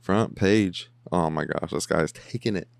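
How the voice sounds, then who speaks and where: A man with a very deep, gravelly voice gives loose, excitable running commentary as he watches an episode. He swears casually and keeps the talk chatty. The sound is dry and close. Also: normal speed, dry recording. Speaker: podcast host reacting to an episode.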